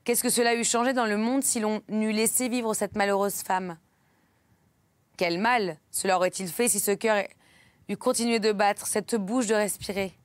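A woman's voice: mid-range voice, no room sound, natural voice. A troubled young man lost in grieving thought, asking bitter questions to himself, as a woman voices him. His tone is anguished and brooding. The reading is dry and close.

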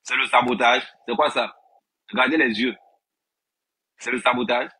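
A man's voice: mid-range voice, fairly even intonation, moderate pace, sharp tone, husky, low-quality recording. Emphatic man ranting on a live stream. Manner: emphatic, repeats phrases, addresses viewers directly. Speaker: social media personality on a live stream. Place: indoors, filming himself with a tablet on a tripod.

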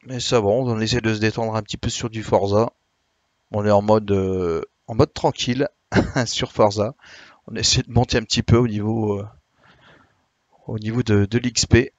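A man streaming live, chatting casually with viewers, a bit tired, explaining slowly with many hesitations. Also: on the low side, fairly even intonation, no echo, highs cut off. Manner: hesitant, many "euh" and restarts, friendly explaining. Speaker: Twitch streamer.

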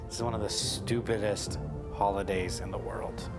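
A man's voice: fairly low pitch, fairly even intonation, normal speed, over music, natural voice. An actor playing a cynical, sulky young man who complains and gets defensive. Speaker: lead character.

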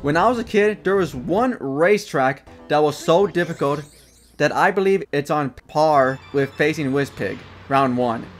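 A man's voice: fairly high pitch, lively intonation, moderate pace, faint music behind. A young man narrating a gaming trivia video in a casual, wry way, with sarcastic asides.

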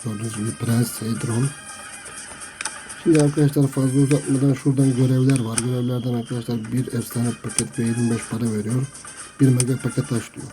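A man talks his viewers through a mobile match in a mid-pitched voice. He grumbles about the game and trash-talks the opponents he faces. Loud game music plays under his voice throughout. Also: rough recording. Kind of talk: gameplay commentary to viewers.

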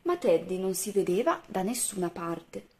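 A woman reading a picture book aloud to small children, her voice at a middle pitch for a woman. She works as a speech therapist and turns to the little listeners now and then. She brings each animal and child to life with quick, animated shifts of voice.

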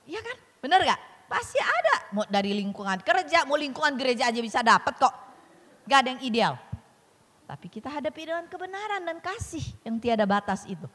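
A middle-aged woman speaking at a church seminar, her higher voice swooping widely as she acts out quoted children and spouses. A long hall reverb trails every line. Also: sing-song, fairly quick, fairly bright tone. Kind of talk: church parenting seminar talk.

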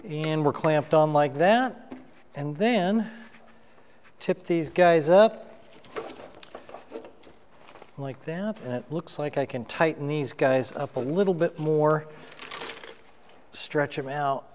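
A middle-aged man demonstrating how to assemble lighting gear at a table in a dark studio, talking as he works. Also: a little high, long reverb tail, slight background noise. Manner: unhurried, talks while assembling gear. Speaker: photographer reviewing gear. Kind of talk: hands-on gear demo. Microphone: wireless lapel mic.

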